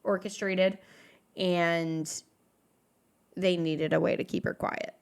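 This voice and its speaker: Woman, podcast co-host, casual chat, lower-pitched voice, reading through notes, lots of fillers. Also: fairly even intonation, slow pace, vocal fry, clean tone. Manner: talks through researched notes with many fillers and restarts. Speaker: podcast co-host leading the episode.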